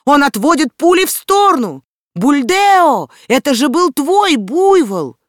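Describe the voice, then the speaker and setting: The audiobook reader voicing an angry village mob shouting insults and threats. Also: high-pitched, sing-song, a little slow, no room sound, studio quality, voice pushed up. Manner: shouting, hostile.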